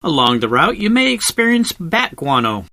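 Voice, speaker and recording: With lively, swooping intonation, a man narrates a travel video in a bright, crisp-edged voice that sits on the high side, at a moderate pace. He explains conversationally like an informal guide and drops in wry asides. The close, very dry voice-over has no echo and was recorded separately from the cave.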